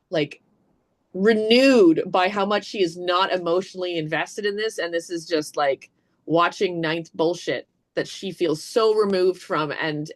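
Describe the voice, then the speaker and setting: A woman co-hosting a casual book-discussion podcast, talking in an animated way and thinking aloud with lots of "like"s. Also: lowish voice. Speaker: podcast co-host.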